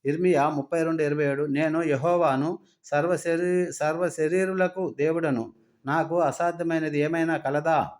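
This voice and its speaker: A man preaching a sermon, earnestly reciting scripture references in quick runs. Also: fairly high pitch, steady tone.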